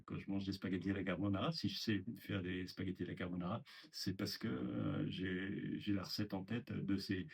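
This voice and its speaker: A man's voice: low voice, normal speed, creaky, breathy edge. An older man giving a reflective interview testimony about his past, speaking hesitantly with many fillers and restarts. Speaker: former resident interviewee.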